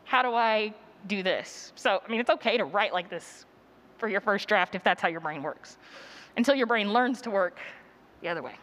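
Leading a workshop in a conference session room, a woman speaks conversationally and encouragingly while fielding questions from the audience. Her mid-range voice is animated and a bit bright, at a normal speed.

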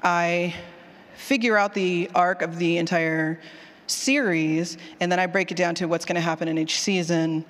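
A conference speaker on audio drama writing gives a casual, chatty workshop talk and takes questions. She is informal and self-deprecating and laughs readily, with a lowish voice, steady tone and moderate pace. The echoey hall adds long reverb.

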